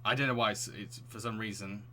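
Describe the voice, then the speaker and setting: Chatty bright-voiced man streaming a game. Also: lowish voice, steady tone, fairly quick, a little hiss or hum. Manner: chatty, restless, laughs often. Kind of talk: live-streamed game play with reading aloud.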